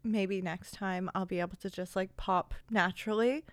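A young woman chatting easily with a friend, her words tumbling out with plenty of "like" and quick laughs. Her voice sits in a middle register and is recorded close and dry, with no room sound. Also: medium pitch, steady tone, no echo. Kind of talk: casual chat.

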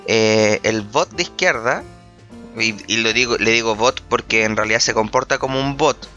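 Chilean man, panel regular, sharp bright tone, blunt and crude, slightly dull lo-fi sound. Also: fairly low pitch, moderate pace, faint music behind. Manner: blunt, swears freely, hesitant fillers. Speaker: podcast panelist. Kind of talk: casual political chat.

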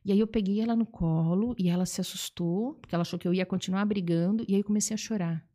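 A woman's voice: medium pitch, fairly even intonation, quick pace, dark tone. A middle-aged woman, a psychologist and teacher, telling stories animatedly in an interview. She leans on fillers and acts out quoted voices. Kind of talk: conversational interview storytelling.

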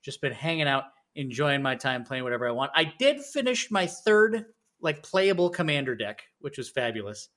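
Casting: male podcast co-host, mid pitch, very lively inflection, rambling storyteller. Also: moderate pace. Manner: animated, rambling, acts out other players. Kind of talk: casual chat.

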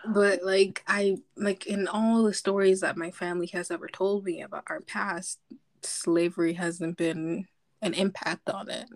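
A woman's voice: lowish voice, fairly even intonation, a little slow. A young woman from Zambia, a podcast guest chatting casually, telling stories with lots of likes and ums. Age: young adult.

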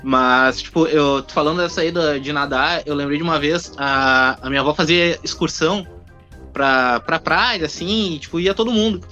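A man, telling a childhood anecdote in a casual podcast chat, in a chatty, halting way. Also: a little high, sharp tone. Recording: dull recording with faint music.

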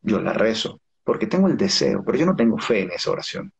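A man's voice: on the low side, big pitch swings, quick pace, creaky, husky. A man as a guest expert in an interview, explaining things step by step with rhetorical questions. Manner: didactic, uses rhetorical questions.

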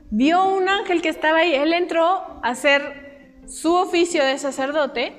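A young woman teaching a Bible study in a church, asking her listeners questions as she goes. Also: high voice. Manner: animated, asks the group questions. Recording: hall reverb with faint music.

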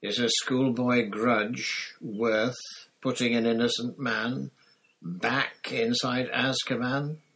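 A man voicing a calm, earnest male teacher who pleads in a soft, urgent way, in an audiobook. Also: mid-range voice, unhurried, rough recording. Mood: soft reproach.

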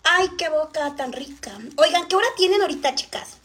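A woman's voice: extremely high pitch, brisk, a bit bright. A woman with a Mexican accent chatting to viewers while eating on a live stream.

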